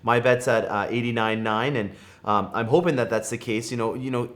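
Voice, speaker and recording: A man's voice: mid-range voice, fairly quick. A young man with a Canadian accent hosting a car channel, chatting upbeat with fillers and restarts. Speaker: host, car dealership vlogger. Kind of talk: casual car talk.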